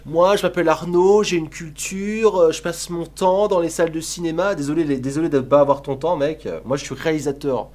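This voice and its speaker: A man's voice: fairly high pitch, fairly quick, hardly any pauses, darkish tone, pitched above the performer's own voice, close to an everyday voice. A man putting on the voice of a pompous, sneering male film buff. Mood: smug. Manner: sneering, boastful.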